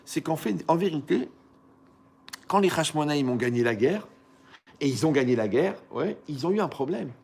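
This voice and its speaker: Man, rabbi, Torah lesson, colloquial, animated storyteller, rhetorical questions, slightly high voice. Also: normal speed, vocal fry, breathy edge. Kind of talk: lively Torah lesson to young listeners.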